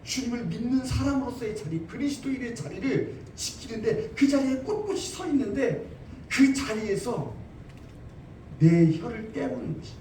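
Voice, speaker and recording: A man's voice: very high-pitched, animated, normal speed, mellow, a little hiss or hum. A man preaching a sermon as pastor, emphatic, repeating his phrases and asking rhetorical questions. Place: church sanctuary. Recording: roomy, distant church recording.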